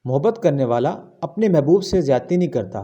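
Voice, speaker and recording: A man's voice: fairly high pitch, lively intonation, warm tone, dull audio, close to an everyday voice. A man reading the lines of a stern mother who scolds her son, in a drama recap.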